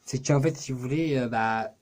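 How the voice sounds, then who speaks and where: A man's voice: mid-range voice, moderate pace, darkish tone. A man talking casually to his camera for his own channel, rambling and cursing with many fillers. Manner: rambling, profane, full of fillers. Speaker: YouTuber.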